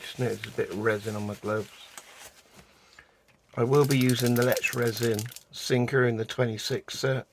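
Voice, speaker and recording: Heard over a noisy background, a UK resin art vlogger talks in a mid-range, croaky voice with fairly even intonation, occasionally clearing his throat. He chats in an unhurried manner while working on a hands-on craft, explaining the resin project step by step as casual how-to narration.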